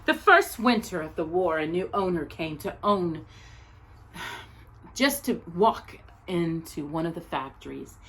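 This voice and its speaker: Reading a children's picture book aloud, a storyteller uses expressive narration and dramatic, deliberate pauses between short phrases. Her voice is lowish with a breathy edge, and the audio quality is poor.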